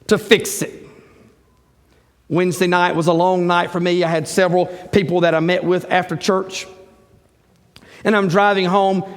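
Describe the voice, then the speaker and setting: A middle-aged man preaches from the pulpit at an unhurried pace, his voice sitting high. He animates his stories by playing the people in them. The church live stream carries a long, lingering hall reverb. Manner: animated storytelling preacher, acts out quoted dialogue. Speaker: pastor. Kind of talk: sermon. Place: church sanctuary.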